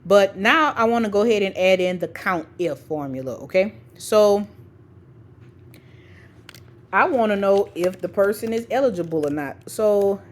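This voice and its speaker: A woman's voice: medium pitch, expressive, moderate pace. A woman teaching a screencast tutorial step by step, dictating formulas piece by piece and checking in informally as she goes. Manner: informal, checks in often with "okay" and "right". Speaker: spreadsheet tutorial instructor for educators. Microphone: screen-recording voice-over.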